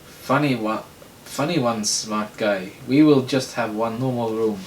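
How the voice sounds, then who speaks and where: A man's voice: mid-range voice, a little slow, roomy sound, far from the mic, slight background noise, close to an everyday voice, poor audio. A man doing a polite young traveller. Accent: slight Irish. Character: polite, apologetic male traveller.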